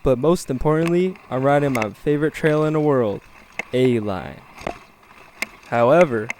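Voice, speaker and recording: A young man narrating his own mountain biking video in a deadpan, joking voice-over. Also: fairly high pitch, noisy background. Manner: deadpan jokey storytelling. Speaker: mountain bike vlogger.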